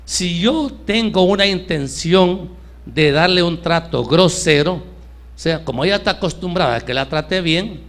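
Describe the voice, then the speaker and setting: A middle-aged man preaching a sermon as pastor, rising to emphatic peaks and dropping to soft low asides. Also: unhurried. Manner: fervent preaching, swings between raised emphatic lines and soft low asides.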